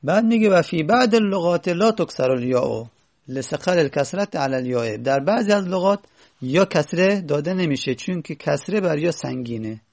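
A man teaching a lesson in a gravelly, slightly high voice. He reads a line from a grammar text, then patiently explains it and asks rhetorical questions along the way. The sound is dry and close. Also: animated, darkish tone, dry recording. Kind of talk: classroom lecture reading and explaining a grammar text.

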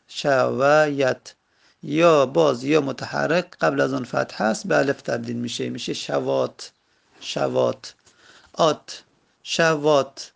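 A man teaching a grammar lesson, going slowly and repeating each example word. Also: fairly high pitch, creaky. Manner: slow, repetitive, drawing out example words. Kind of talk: Arabic grammar lesson in Persian.

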